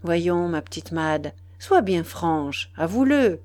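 A woman's voice: lowish voice, lively intonation, slow pace, darkish tone, no echo, voice pushed down. A woman reading the lines of a jealous young husband who keeps pressing and teasing his wife, in a storybook reading. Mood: insistent, teasing. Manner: coaxing, pressing, mocking.

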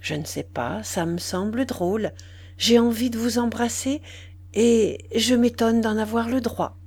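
A woman voicing a young man who is a bold but awkward suitor to his new wife, speaking low and hushed, at times close to a whisper, in a slow storybook reading. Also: breathy edge. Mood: tender.

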